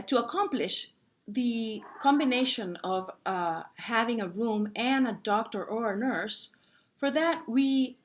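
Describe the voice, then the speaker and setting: Woman, instructional presenter, software walkthrough, halting delivery, mid-sentence pauses, medium pitch. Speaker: presenter explaining a simulation model.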